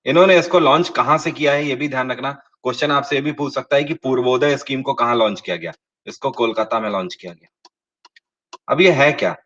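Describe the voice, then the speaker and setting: Running a live online quiz for exam preparation, this male teacher reads questions in English at a slow pace, then shifts to Hindi to explain them with mounting emphasis. His mid-pitched voice has a fairly bright tone as he addresses students directly, asking questions and checking their answers, though the audio is somewhat muffled and lo-fi.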